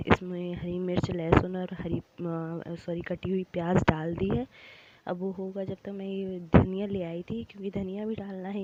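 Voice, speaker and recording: Young woman doing a cooking voiceover, chatty, a bit out of breath, muffled lo-fi sound with loud hiss behind. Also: on the low side. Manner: chatty, explains step by step, talks to viewers directly. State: slightly short of breath while talking. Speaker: home cooking vlogger. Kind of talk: casual voice-over narration of cooking. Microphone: voice-over recorded while editing. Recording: dull lo-fi audio with loud background noise.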